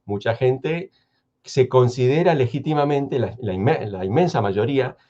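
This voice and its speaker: A man with an Argentine Spanish accent talks in a thoughtful radio conversation. His voice sits at a middle pitch and comes through slightly dull, lo-fi audio. He speaks in a measured, hesitant way and often restarts his sentences. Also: mellow. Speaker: guest historian.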